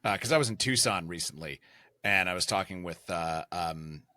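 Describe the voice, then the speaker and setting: A man hosting a casual podcast, rambling and excitable, with lots of fillers. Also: deep voice, normal speed, no room sound, studio quality. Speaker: podcast host.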